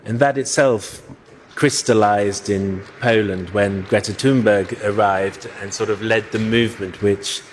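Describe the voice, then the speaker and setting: A man on a panel talks in a low, reflective and measured voice, with frequent small hedges. His words ring out with a long reverb, as in a large hall. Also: fairly even intonation, a little hiss or hum. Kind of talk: panel discussion remarks.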